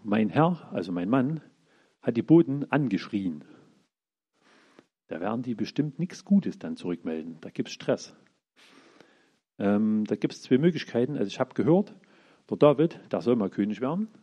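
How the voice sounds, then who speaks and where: Guy preaching casually, voice swings up and down a lot, kinda husky. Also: mid-range voice, normal speed, long pauses, lo-fi sound. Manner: lively, acts out the characters' lines in everyday speech. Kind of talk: informal sermon retelling Bible stories.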